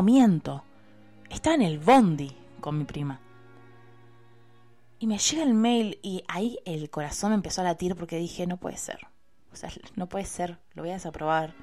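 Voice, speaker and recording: A young Argentine woman talks straight to her audience with a slightly low voice, casual and expressive, dropping easy swear words as she tells her story. Soft music runs faintly underneath. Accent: Argentine Spanish. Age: young adult. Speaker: university student vlogger.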